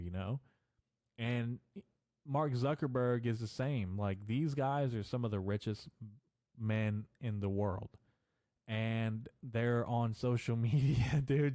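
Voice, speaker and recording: A man's voice: fairly low pitch, mellow, no room sound, clean studio sound. A young man hosting a casual solo podcast, rambling loosely with slang and swearing, with a slight stutter and lisp. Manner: loose and profane, slangy, meandering. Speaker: podcast host.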